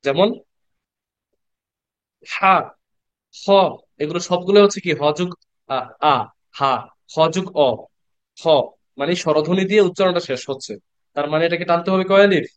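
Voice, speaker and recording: A man teaching Quran reading in an online class, patiently repeating letter sounds slowly and asking the class questions. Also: high-pitched, clear, resonant tone, dry recording, highs cut off. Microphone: computer mic on a video call.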